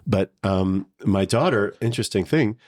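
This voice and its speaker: A man's voice: on the low side, expressive, moderate pace, darkish tone, no room sound, clean studio sound. A middle-aged man co-hosting a podcast, chatting casually in a rambling, joking, self-mocking way. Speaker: podcast co-host. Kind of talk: casual comedic chat.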